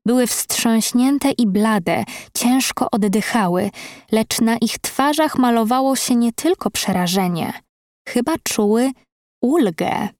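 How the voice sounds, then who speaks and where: A woman narrating a first-person audiobook in a measured, even storytelling manner. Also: medium pitch, dry recording, clean studio sound.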